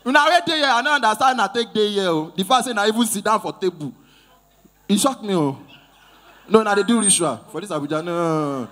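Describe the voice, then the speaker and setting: Nigerian Pidgin-accented male comedian, highish voice, live crowd-work banter, teasing. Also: lively intonation, brisk, fairly bright tone. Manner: playful, teasing banter with audience. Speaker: comedian host at an event.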